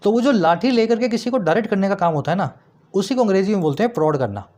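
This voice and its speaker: High-voiced tutor. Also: male voice, animated, darkish tone. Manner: explanatory, asks students rhetorical checks, reads example sentences slowly. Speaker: English tutor. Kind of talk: vocabulary lesson explaining words.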